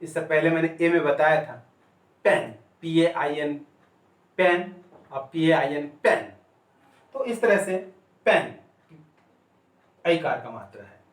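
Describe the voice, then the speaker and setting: Slow, deliberate male pronunciation teacher. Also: fairly high pitch, lively intonation. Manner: slow and deliberate, repeats and spells out words. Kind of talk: Hindi-language lesson. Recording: echoey room, voice distant from the mic.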